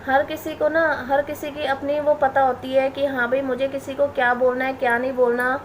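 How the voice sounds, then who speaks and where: Woman vlogger, high voice, indignant and defensive, repeats herself, faint background noise. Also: level tone, normal speed. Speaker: family vlogger. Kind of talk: direct-to-camera vlog rant.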